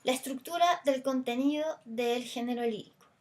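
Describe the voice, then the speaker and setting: Chilean teacher lady explaining a lesson, kinda high voice, drags out vowels to show them. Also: normal speed, darkish tone. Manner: stretches stressed vowels to demonstrate; explanatory, with fillers. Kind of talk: recorded language lesson.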